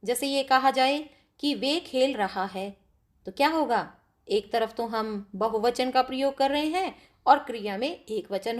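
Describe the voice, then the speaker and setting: A woman teacher explaining grammar to pupils step by step, often asking them questions. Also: sits high. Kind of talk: classroom grammar lesson.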